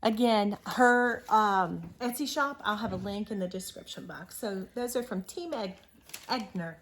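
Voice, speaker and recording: A woman's voice: medium pitch, a little slow, a bit bright, slight background noise. A woman with an Ohio accent, co-hosting a casual stitching show, chatting enthusiastically and laughing often. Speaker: co-host of a stitching video show. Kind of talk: casual chat showing purchases.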